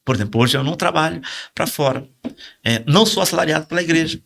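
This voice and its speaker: A man's voice: a little high, quick pace, creaky, a bit bright. A man with a Brazilian Portuguese accent, a pastor telling his testimony in a podcast conversation, emotional and acting out the quoted lines in a raised voice. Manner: emotional storytelling, acts out quoted dialogue in a raised voice.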